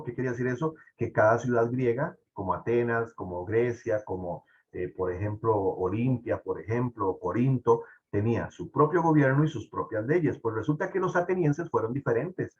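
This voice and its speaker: Man, civics teacher, classroom lecture, chatty tag questions, dull lo-fi sound. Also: mid-range voice. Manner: animated, asks "¿verdad?" often, jokes with students.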